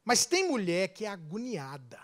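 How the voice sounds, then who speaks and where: An animated sermon comes from a high-pitched pastor with a Brazilian accent. He alternates between loud, swelling passages and quick asides.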